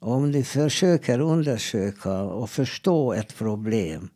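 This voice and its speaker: A middle-aged man speaks in a mid-range voice, slow to pick his words and pausing often. He talks like a therapist, calm and advice-giving in an easy conversation. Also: mid-range voice. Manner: measured, advice-giving, frequent hesitations. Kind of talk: casual podcast conversation.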